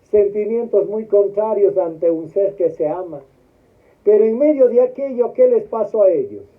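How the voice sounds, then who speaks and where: Speaking at a normal pace in a high, animated voice, a priest delivers a memorial homily, posing questions to the congregation and pausing for their replies. The audio sounds thin and tinny, like a phone.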